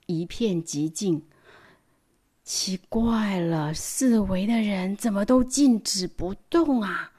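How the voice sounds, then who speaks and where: A woman reading a picture book aloud to children, animated, with playful sound words and hushed asides. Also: medium pitch. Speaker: storyteller. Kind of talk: storybook read-aloud for children.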